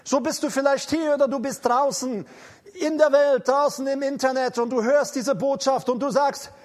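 A male preacher delivers a charismatic sermon in a strikingly high voice. He proclaims in repeated declarations and stretches his commands slowly for emphasis. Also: steady tone.

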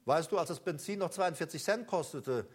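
Emphatic high-voiced German preacher man. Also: animated, a little fast, slightly rough. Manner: emphatic, rousing, addresses listeners directly; swings between loud calls and low intimate asides. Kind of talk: charismatic sermon.

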